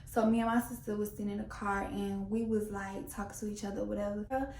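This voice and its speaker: A young woman vlogger tells her camera a story in a brisk, mid-range voice, the room audibly echoey. She's animated and slangy, acting out what people said.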